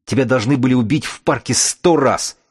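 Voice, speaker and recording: A man's voice: low voice, a little fast. A man voicing a vicious, wounded male raider chief who snarls and swears with spite. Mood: enraged.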